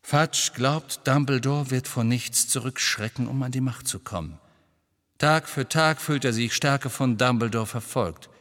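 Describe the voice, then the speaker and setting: A man reading an audiobook, voicing a restless grown man in hiding who reassures briskly with a bitter edge. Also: mid-range voice, fairly bright tone, big-room sound, voice pushed up, lightly acted. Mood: tense, bitter.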